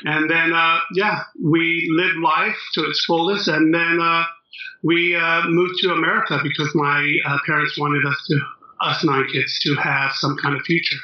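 A man from Tonga, an opera tenor and former football player, answering interview questions in an easygoing way with frequent pauses. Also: fairly high pitch, little pitch movement, dull audio.

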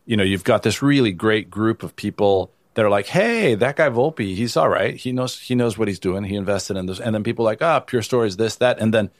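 Appearing as a guest in an interview, a venture capital investor born in Italy talks in a lowish, animated voice, a little fast and barely pausing. His conversational answers are casual, full of restarts and "you know". There's no echo.

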